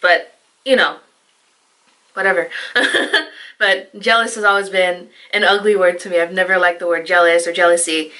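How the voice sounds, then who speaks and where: A young woman vlogging to her viewers in a chatty, animated way, often laughing. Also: on the low side, moderate pace, low-quality recording. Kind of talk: casual chat to camera.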